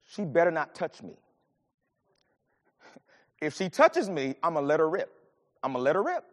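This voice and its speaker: A man preaching a sermon and telling a personal story, swinging from low murmurs to loud bursts. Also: moderate pace. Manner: animated, swings from low murmurs to shouted lines. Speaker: pastor. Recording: long hall reverb.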